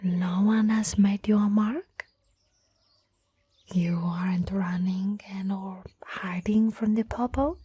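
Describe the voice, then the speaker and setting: A woman plays a tall young childhood friend who is teasing and caring in an ASMR roleplay, speaking in a soft, breathy, slightly husky mid-range voice with a steady tone. She sounds coaxing and concerned, moving slowly, playfully and gently coaxing.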